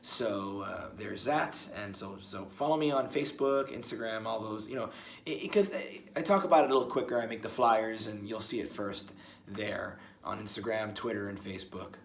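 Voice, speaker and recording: A man's voice: on the low side, creaky, fairly bright tone, a little hiss or hum. A young man talking casually in a one-take video blog, rambling and restarting his words often. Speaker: musician vlogger. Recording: roomy with faint ambience.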